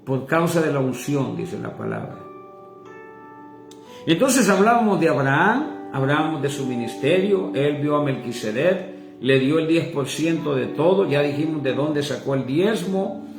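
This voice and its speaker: A man's voice: a little high, expressive, measured pace, vocal fry. A man with a Mexican accent preaching a sermon as pastor, impassioned and calling listeners brother. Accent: Mexican Spanish. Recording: echoey room with faint guitar music.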